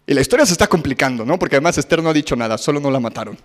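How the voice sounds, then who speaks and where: Chatty Mexican preacher in a reverberant hall. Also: male voice, fairly high pitch, rapid-fire. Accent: Mexican Spanish. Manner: lively, chatty, asks the audience questions. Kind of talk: sermon retelling a Bible story.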